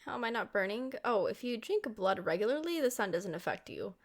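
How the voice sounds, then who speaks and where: Speaking at a medium pitch and a brisk pace, a woman roleplays a young-looking, centuries-old vampire girlfriend for ASMR. She talks to the listener sweetly, affectionately and expressively, in an apologetic, concerned mood.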